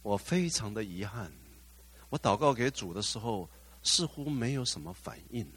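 A man's voice: on the low side, animated, normal speed, a bit bright, breathy edge. A male pastor preaching a sermon, putting questions to the congregation, slipping in English phrases and rising to fervent exclamations.

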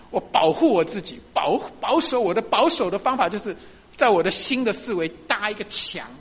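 一位中年男牧师在讲道中分享自己的见证，语气随意，常常笑，口头语很多。. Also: male voice, high-pitched, lively intonation, moderate pace, fairly bright tone, breathy edge. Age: middle-aged. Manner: chatty, laughs often, frequent fillers. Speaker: pastor. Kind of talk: sermon testimony.

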